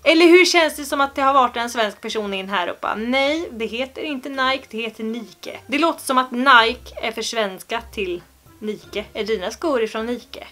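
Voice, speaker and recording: A woman's voice: a little high, sharp tone. A young Swedish woman vlogging to camera in a playful, joking way, with exaggerated pronunciations. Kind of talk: casual vlog to camera.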